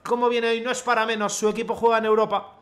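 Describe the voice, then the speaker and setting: A young man, commentating his own football video game match in the style of a TV commentator and bursting into long shouted goal calls. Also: very high voice, flat delivery, fast talker. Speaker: gaming youtuber playing a football career mode. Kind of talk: excited self-commentary while gaming.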